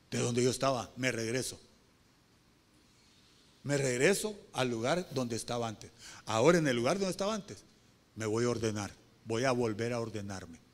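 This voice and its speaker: A man preaching a sermon as pastor, moving from low talk to shouted pleas and calling on the congregation with questions. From Honduras.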